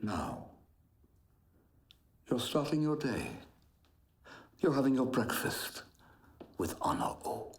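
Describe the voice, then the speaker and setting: An insistent philosopher. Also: male voice, mid-range voice, huge pitch swings, slow, pauses often, reverberant, exaggerated voice. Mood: coaxing. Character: intense male philosopher acting as therapist. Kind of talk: film drama acting.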